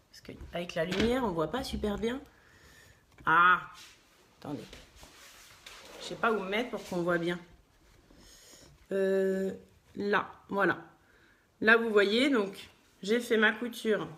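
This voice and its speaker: A woman's voice: medium pitch, a bit bright. A woman from France teaching sewing at her machine in a live tutorial, chatting casually and thinking aloud with many fillers as she works.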